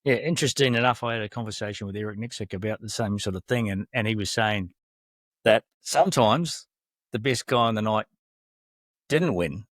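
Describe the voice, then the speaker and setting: A man's voice: lowish voice, a bit bright, no echo, studio quality. A man, a fight coach, hosting a casual interview and reflecting on coaching. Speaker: MMA coach and podcast host.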